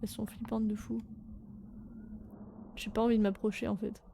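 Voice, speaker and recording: Young adult woman streamer, casual game commentary, mid pitch, talkative with sudden loud outbursts, faint background noise. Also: flat delivery, normal speed, gravelly. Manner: chatty, swears, sudden loud exclamations.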